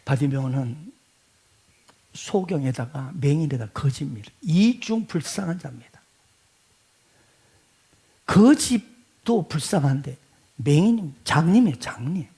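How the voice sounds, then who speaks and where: A male pastor preaching a sermon, swinging between quiet asides and shouted pleading. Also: fairly high pitch, animated, unhurried, pauses often, husky.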